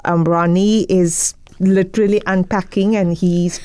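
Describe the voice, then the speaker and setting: A woman hosting a live radio show in a studio, chatty and excitable, laughing often. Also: lowish voice, measured pace, smooth, no echo. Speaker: radio talk show host.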